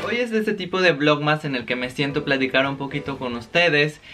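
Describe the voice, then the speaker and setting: A man's voice: on the high side, brisk, loud music behind the voice. A young Mexican man with a Mexican accent, chatting casually to his vlog viewers and telling stories. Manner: chatty, animated storytelling with quoted exchanges. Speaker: vlogger. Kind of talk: casual chat. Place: home, living in Paris.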